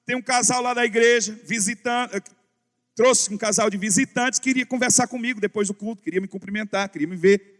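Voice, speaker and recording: A male pastor preaching a sermon, telling stories in an animated way and acting out dialogue. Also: high voice, fairly quick. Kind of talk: sermon with storytelling. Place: large church hall. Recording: long church hall reverb.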